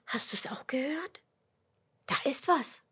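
A woman's voice: on the high side, sing-song, a little slow, voice pushed up, full character voice. A woman voicing Dotti, a kind and curious girl in a children's story. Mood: eager. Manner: bright comforting tone.

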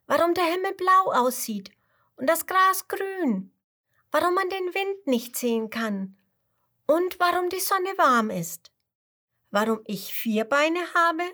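A woman voicing a curious, excited little tiger cub with high, eager, drawn-out exclamations. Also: exaggerated voice.

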